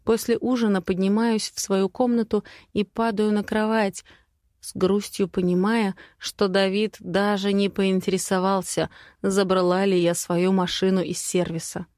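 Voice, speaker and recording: A young woman reading a first-person audiobook with a steady, intimate voice. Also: medium pitch, a little slow, no echo, studio quality. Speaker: audiobook narrator.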